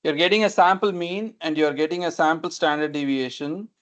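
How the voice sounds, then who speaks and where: A man's voice: fairly high pitch, brisk, fairly bright tone. A man teaching an online class on a video call as a lecturer, explaining step by step, repeating points and checking understanding. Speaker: lecturer teaching numerical methods. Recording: dull, lo-fi online meeting audio.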